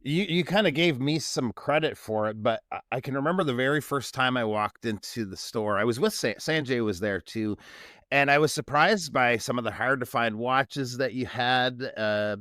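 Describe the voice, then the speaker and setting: A man co-hosting a podcast, asking questions in a relaxed, conversational way. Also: mid-range voice, normal speed, no echo, studio quality. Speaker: podcast co-host. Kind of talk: casual podcast interview.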